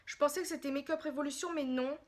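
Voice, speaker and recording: Excitable high-voiced woman vlogging. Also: fast talker. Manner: excitable, gushing, chatty and apologetic. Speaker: beauty vlogger. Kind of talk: casual makeup haul chat.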